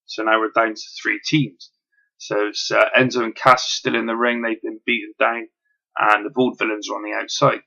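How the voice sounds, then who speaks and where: A man's voice: fairly low pitch, level tone, normal speed, vocal fry, pushed and bright, dull audio. A man casually reviewing wrestling, rambling with lots of ums and the odd swear word.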